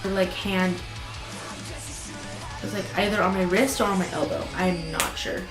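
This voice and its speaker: A woman's voice: mid-range voice, steady tone, normal speed. A woman with a sick, teary-sounding voice rambles through a casual story time, filling her sentences with likes and ums. The room is echoey. Guitar music plays underneath. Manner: rambling with many fillers. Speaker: vlogger. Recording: roomy echo with music behind.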